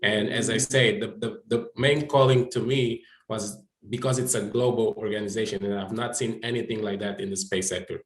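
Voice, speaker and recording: Low-voiced man from Angola, stammering. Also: fairly even intonation, normal speed, hardly any pauses. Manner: stammering restarts. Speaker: guest, space sector volunteer. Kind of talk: interview answer. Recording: roomy echoey audio.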